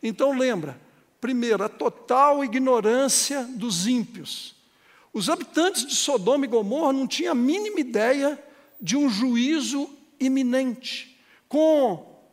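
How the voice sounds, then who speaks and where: A man's voice: extremely high pitch, animated, a little slow. A man preaching a sermon as pastor, building to emphatic, emotional passages and acting out conversations with churchgoers. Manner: acts out dialogues with congregants. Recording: long hall reverb.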